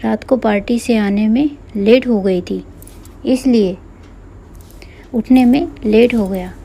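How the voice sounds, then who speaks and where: A woman's voice: fairly high pitch, takes it slowly, creaky, dark tone, heavily acted. A woman voicing a spoiled, carefree young daughter who talks dismissively to her mother, in a storybook reading. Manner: careless, dismissive.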